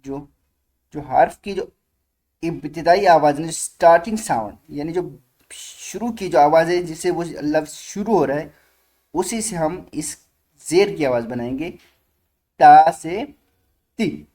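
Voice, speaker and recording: A man teaching Quran reading, calling out letter sounds slowly and stretching each one for learners to repeat. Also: fairly high pitch. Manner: asks learners to repeat loudly after him. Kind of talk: slow drilled recitation lesson.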